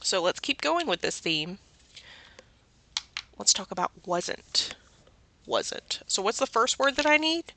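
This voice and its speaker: Southern woman teacher, unhurried and patient, quizzing kids on words, bright tone. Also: medium pitch, sing-song, slight background noise. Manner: slow, patient, asks questions and answers them. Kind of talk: children's literacy lesson.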